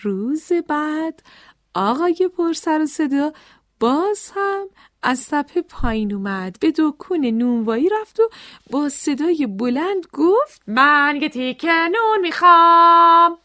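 A woman tells a children's story in a high, animated voice and often stops to speak straight to the kids. She is recorded dry and close, with no room sound. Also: dry recording.

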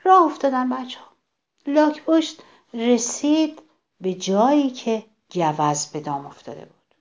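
Animated woman reading a children's story. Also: high voice, lo-fi sound. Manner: animated, addressing children directly.

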